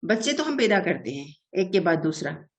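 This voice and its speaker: A woman's voice: fairly low pitch, sing-song, moderate pace. Earnest woman explaining child development. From Pakistan. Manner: earnest, mixes many English terms, frequent hesitations. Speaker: early childhood development expert. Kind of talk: explanatory interview answer.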